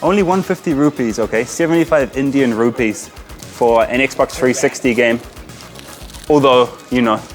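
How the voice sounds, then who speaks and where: At a moderate pace and mid-range pitch, an enthusiastic New Zealand host narrates a casual on-location vlog over soft background music. Wandering small game shops in a Pakistani market, he chats freely and mixes in Urdu greetings and interjections.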